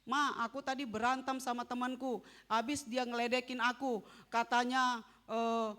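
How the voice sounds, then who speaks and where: A sulky little boy whining about being teased, as a woman preacher puts him on. His voice is high and bright, and it keeps a complaining edge. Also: little pitch movement, normal speed, lightly acted. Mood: whiny.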